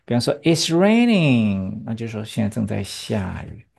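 A woman teaching English pronunciation in a patient, lively way, her pitch bouncing as she explains and drills words with a student. Her voice has a slightly gravelly edge. She keeps asking quick checking questions. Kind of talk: bilingual English pronunciation lesson.

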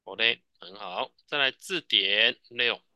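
A man's voice: on the low side, slow pace, sharp tone, dry recording. A man with a Taiwanese Mandarin accent teaching a Japanese class, patiently drilling students and tagging sentences with "哦". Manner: patient, repeats answers, frequent "哦" tags.

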